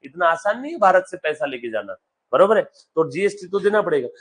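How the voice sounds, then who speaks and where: In a live class, a male accountancy teacher with a high-sitting, fairly bright and slightly breathy voice speaks with lively intonation. He slowly reads English text aloud, explains it in Hindi, and repeatedly questions his students, addressing them as "beta".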